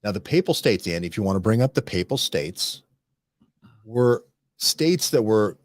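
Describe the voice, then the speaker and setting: A man hosting a casual studio discussion, rambling and animated, often restarting and checking in with "right?". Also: on the low side, normal speed, dry recording. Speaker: host.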